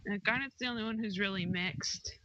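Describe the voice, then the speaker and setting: A co-host in a casual fan discussion, chatty and quick to agree. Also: mid-range voice, bright, forceful tone. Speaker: podcast co-host. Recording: dull lo-fi recording with clear hiss.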